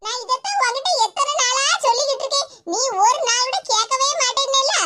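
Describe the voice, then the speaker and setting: A woman's voice: very high-pitched, animated, fast talker. A woman voicing a gossipy, sly older neighbour woman in a cartoon, speaking in a mocking, scolding way. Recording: loud hiss behind voice.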